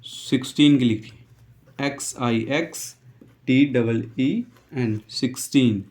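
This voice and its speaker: A man with a mid-range, darkish voice takes his time teaching English in a laid-back spoken lesson. Each word gets spelled out letter by letter and pronounced more than once, with "okay" dropped in to check on listeners.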